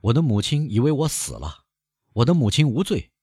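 A man's voice: mid-range voice, big pitch swings, a little fast, darkish tone, husky, no echo, clean studio sound, pitched above the performer's own voice. A man voicing a defiant young male prisoner on trial, bitter and mocking as he speaks to the court.

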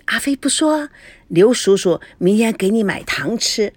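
A woman voices a smooth-talking, flirtatious middle-aged man for a storybook. He wheedles and jokes in a lively, swooping voice, recorded close and dry. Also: medium pitch, measured pace, no room sound. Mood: flirty, glib. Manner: wheedling and glib.

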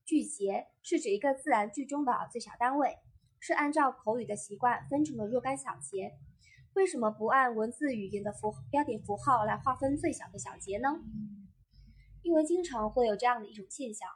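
Husky-voiced woman teaching voice acting. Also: on the high side, a little fast. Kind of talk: scripted instructional narration.

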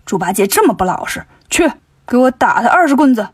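A woman voicing a scheming male demon king in a children's story, speaking lower and slower than her narration. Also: big pitch swings, husky, dry recording, studio quality.

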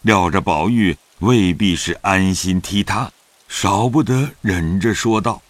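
A man narrating a classic novel in an audio drama, in an expressive storytelling manner. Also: sits low, measured pace, dry recording.

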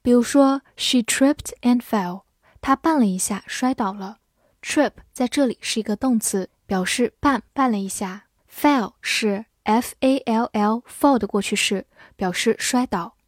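A woman teaching English vocabulary in a lesson, spelling words out letter by letter and speaking slowly and deliberately. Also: on the high side, no room sound, clean studio sound.

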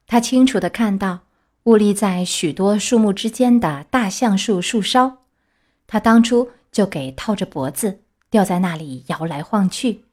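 A woman narrating a children's story in a steady, expressive reading voice. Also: medium pitch. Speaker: audiobook reader. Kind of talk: scripted narration.

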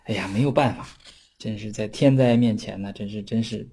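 Husky man giving a chatty lecture. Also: fairly low pitch, warm tone. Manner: chatty, often adds tag questions for listeners; slows down to read classical text aloud. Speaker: classics lecturer. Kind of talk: casual explanatory lecture.

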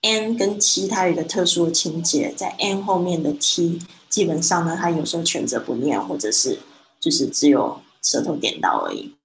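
A Mandarin-speaking woman teaching English pronunciation one-on-one, patiently correcting and modelling words slowly. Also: on the low side, very animated, slight background noise, low-quality recording.

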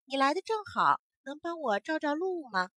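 A woman voicing a small, hurried grasshopper searching for its little brother, chattering in a rush. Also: high-pitched, sing-song, sharp tone, dry recording, clean studio sound, voice pushed up, heavily acted. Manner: rushed, breathless chatter.

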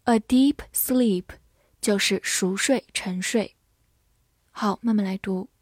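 A woman teaching English vocabulary, spelling words letter by letter and reading example sentences slowly and carefully for learners. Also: mid-range voice, darkish tone, dry recording, clean studio sound.

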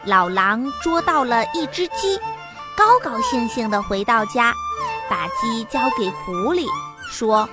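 A woman telling a children's story in an animated, sing-song way. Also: a little high, measured pace. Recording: music playing behind. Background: background music.

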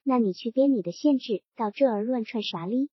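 A woman's voice: fairly high pitch, brisk, slightly rough, dry recording. A woman reading the lines of a brusque, impatient male county official in a curt tone. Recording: dull, dry audiobook recording.

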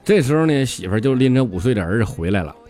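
A man's voice: medium pitch, very animated, very fast, darkish tone. A man with a Northeastern Chinese accent telling comic stories in a brash style full of swearing punchlines. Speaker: comedian. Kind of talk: stand-up comedy monologue. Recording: music behind the voice.

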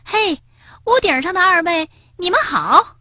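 Woman doing a squeaky, excited storybook rabbit. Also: a little slow, dry recording, clean studio sound, heavily acted. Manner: high, bouncy and excited. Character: excitable little rabbit, eager and cheerful.

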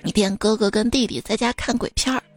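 A young woman hosting a show, telling comic family anecdotes in a playful, chatty way over soft music. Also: mid-range voice, fairly even intonation, fast. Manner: playful, chatty, acts out quoted lines. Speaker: podcast host. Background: faint background music.

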